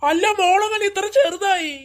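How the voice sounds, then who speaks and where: A high young voice putting on a cartoon dad. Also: normal speed. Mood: puzzled. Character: worried cartoon father coming home.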